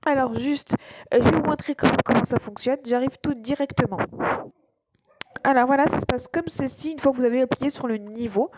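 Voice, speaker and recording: A woman's voice: sits high, a little fast, background noise. A woman hosting her own channel, casually walking viewers through an app over a screen recording, hesitant and full of fillers and restarts. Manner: keeps saying voilà. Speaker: YouTube channel host.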